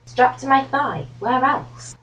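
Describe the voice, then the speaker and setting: Man doing a smug falsetto Roman woman. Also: lively intonation, takes it slowly, sharp tone, recorded from a distance, highs cut off, heavily acted. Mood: teasing. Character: wry young Roman woman, teasing, amused.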